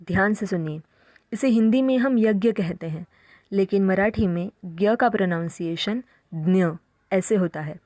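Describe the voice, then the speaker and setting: A woman teaching a language lesson, slowly drawing out example words and explaining how to say them. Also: medium pitch, a little mellow. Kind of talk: slow spoken language lesson.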